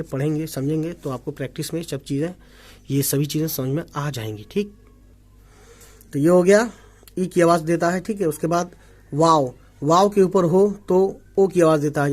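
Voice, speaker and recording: A man teaching an Urdu writing lesson in Hindi, repeating words slowly and often checking that viewers follow along. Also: on the high side, darkish tone. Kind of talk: online language lesson. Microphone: omnidirectional desk microphone.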